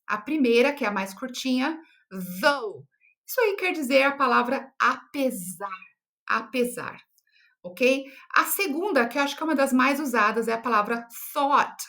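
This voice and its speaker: A young adult woman from Brazil teaching an English lesson, patient and clear, repeating words slowly for practice and checking in often with short questions. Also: high voice, expressive, fairly bright tone.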